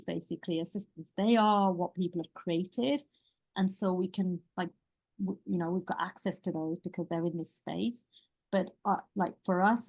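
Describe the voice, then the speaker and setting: A woman's voice: fairly low pitch, a little mellow. A woman leadership coach teaching a live online workshop in a loose, chatty, rambling way that keeps starting over.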